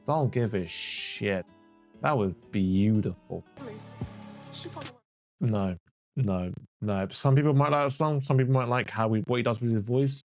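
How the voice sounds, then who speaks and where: A man's voice: on the low side, a little slow, long pauses, darkish tone. A man reviewing music as a reaction host, blunt and full of swearing and exasperated outbursts. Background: faint music playing.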